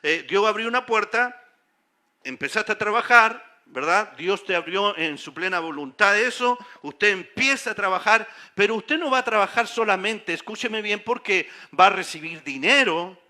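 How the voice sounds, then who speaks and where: A man's voice: high voice, expressive, normal speed, pushed and bright. A man preaching a sermon as pastor, emphatic and full of rhetorical questions to his congregation. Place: church sanctuary.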